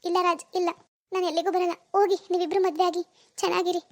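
A woman's voice: very high voice, flat delivery, fast talker. A woman voicing a heartbroken young wife in a cartoon, tearful and resigned. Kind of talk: animated cartoon dialogue.

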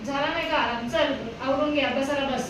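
A middle-aged woman, a mother, speaking quietly from across the room and nagging about study time. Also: high voice, fairly quick, slight background noise.

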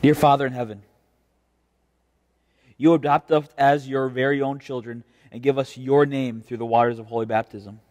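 Speaking as a pastor, a young American man gives a devotional sermon with scripture reading in a church chancel. His mid-pitched, darkish voice stays level, earnest and measured, with deliberate phrasing. A distant mic captures the church's long reverb.

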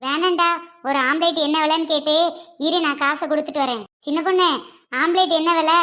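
A woman's voice: high voice, steady tone, fairly quick, sharp tone. A woman playing a village mother who scolds and wails in a comic skit. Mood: bargaining. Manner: scolding, wailing. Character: loud fussing village mother.

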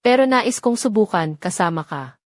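A woman voicing a quiet, troubled young man in a spoken story, with soft, earnest, hesitant delivery. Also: mid-range voice, animated, normal speed, no room sound, studio quality, lightly acted.

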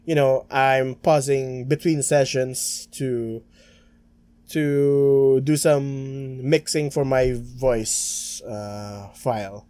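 Speaking at medium pitch with a slightly mellow tone and no echo, this young man from the Philippines has a Filipino accent. He streams games from a small home room with a green screen, using a headset, and his casual let's-play commentary rambles with frequent stammers and restarts.

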